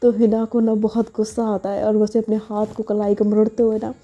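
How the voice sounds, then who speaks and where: A woman's voice: medium pitch, completely flat delivery, fairly quick, warm tone, muffled recording. Woman narrating a story in a casual tone. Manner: conversational, with frequent filler 'na'.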